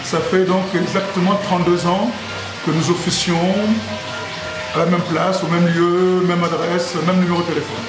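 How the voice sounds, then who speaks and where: A man's voice: high voice, flat delivery, moderate pace, music in the background. A man in his sixties from Congo, a restaurant owner, answering interview questions in a jovial, rambling way that repeats itself, in his restaurant. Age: 60s. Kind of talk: casual interview. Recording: echoey room with loud background noise.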